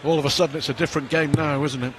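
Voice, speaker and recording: A man's voice: fairly high pitch, steady tone, racing. A man giving live darts commentary as the lead commentator. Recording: loud background arena noise. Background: noisy darts arena.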